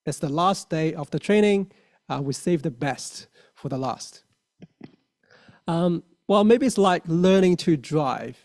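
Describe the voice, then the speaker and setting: A man's voice: fairly high pitch, animated, a little slow, a little mellow. A man in his thirties from China with a Mandarin accent, giving an earnest dharma talk with many fillers and restarts. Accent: Mandarin Chinese. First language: Mandarin Chinese. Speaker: lay Buddhist speaker.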